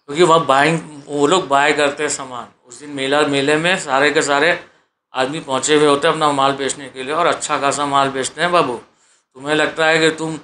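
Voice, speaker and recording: A man's voice: a little high, steady tone, brisk, bright, forceful tone, a little hiss or hum. A man vlogging at home in a preachy monologue, repeating himself and firing off rhetorical questions. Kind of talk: exhortative monologue. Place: sitting on a sofa at home.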